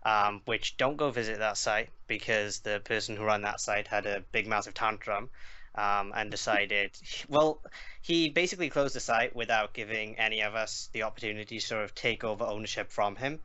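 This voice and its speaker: Bright-voiced Welsh man, lo-fi audio. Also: lowish voice, fairly even intonation, moderate pace. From Wales. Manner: chatty, many ums and likes. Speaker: podcast guest, games writer. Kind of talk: casual podcast chat.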